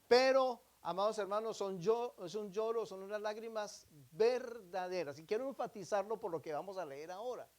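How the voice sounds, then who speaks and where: Male pastor, high voice, sermon delivery with rhetorical questions and sharp volume swings. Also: normal speed, few pauses. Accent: Latin American Spanish. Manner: preaching with rhetorical questions to the congregation; swings between emphatic loud phrases and quiet drops.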